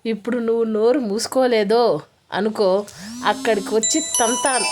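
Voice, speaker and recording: A woman voicing a young woman, angry, scolding, sharp, storybook phone call. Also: on the high side, steady tone, moderate pace, faint music behind, natural voice. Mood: threatening. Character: angry young woman shouting down her friends.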